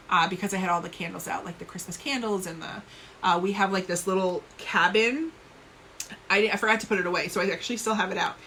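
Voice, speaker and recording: Chatty bright-voiced New Jersey woman. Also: medium pitch, slight background noise. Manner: chatty, rambling, self-deprecating. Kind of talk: casual live-stream chat.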